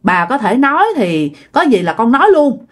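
A woman's voice: a little high, very animated, normal speed. A woman voicing a polite, deferential young man in a ghost story.

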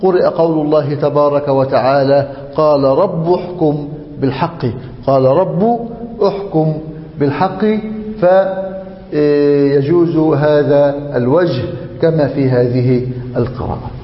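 A sheikh teaching a grammar lesson, chanting verses slowly and drilling examples for his class. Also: fairly high pitch, fairly even intonation. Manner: slow, drawn-out chanting of Quran verses and example forms; repeats examples to drill the class, checks in with the students. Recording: dull, echoey lecture hall audio.

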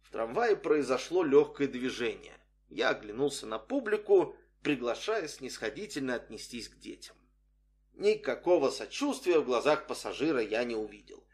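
A man reads a comic tale aloud, and his pitch swings freely up and down through each sentence. His delivery stays dry and wry, letting the irony carry the jokes. His voice sits at an ordinary middle pitch for a man. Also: big pitch swings, moderate pace. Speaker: audiobook reader. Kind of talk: scripted narration of a humorous story.

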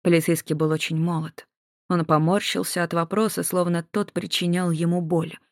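An audiobook narrator reading scripted prose in an even, measured way. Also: medium pitch, no room sound, clean studio sound.

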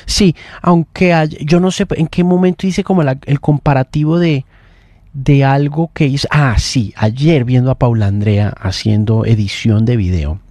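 In a radio studio, a man hosts a casual morning show, his mid-range voice dark and a little slow, with no echo. He muses aloud in long, thoughtful runs, often restarting his sentences.

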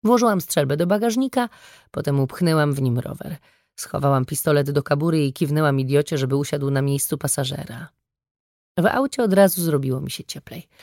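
A woman reading a first-person audiobook story with brisk, wry storytelling. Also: low-pitched, a little mellow, dry recording, studio quality. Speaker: audiobook narrator. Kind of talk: scripted first-person narration.

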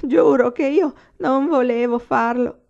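A woman reading aloud voices a drunk young male army lieutenant who talks loudly and boastfully. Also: fairly high pitch, lively intonation, moderate pace, pitched above the performer's own voice. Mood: drunken, blustering. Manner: loud, boastful, sobbing and angry by turns. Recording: slightly dull, lo-fi recording.

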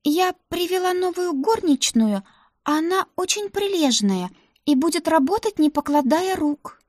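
A woman voicing a young, timid and anxious maid girl, speaking in a high, soft, fretful voice. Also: lively intonation, unhurried, no echo, studio quality.

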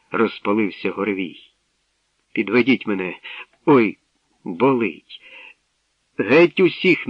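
A man voicing an aging, ailing tsar who shouts and groans in anger. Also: mid-range voice, no room sound, lightly acted. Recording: dull dry studio recording.

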